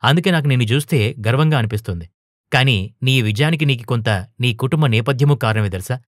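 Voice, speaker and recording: Man doing a heated young woman teacher, audio storybook, mid-pitched, dry recording. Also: fast talker, no room sound, natural voice. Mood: earnest. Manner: earnest, rising to heated protest.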